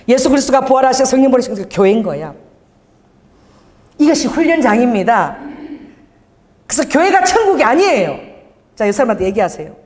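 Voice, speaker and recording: A woman's voice: fairly high pitch, darkish tone, long reverb tail. A middle-aged woman pastor preaching a sermon with call-and-response and laughing asides. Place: church sanctuary.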